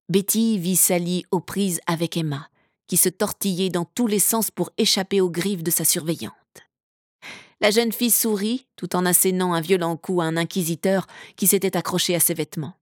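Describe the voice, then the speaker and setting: A woman narrating a fantasy audiobook in a steady, measured storytelling manner. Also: lowish voice, no echo, studio quality.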